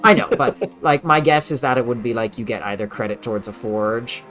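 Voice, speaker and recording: A man's voice: mid-range voice, fairly quick, a bit bright, faint music behind. A man streaming a game, chatting casually and agreeably. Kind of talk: casual live-stream chat while playing.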